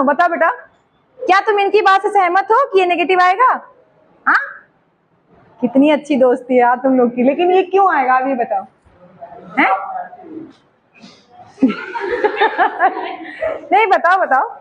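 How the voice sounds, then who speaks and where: A woman's voice: high-pitched, rough recording. A woman teacher with an eastern Uttar Pradesh Hindi accent, teaching a chemistry class and coaxing students with teasing questions.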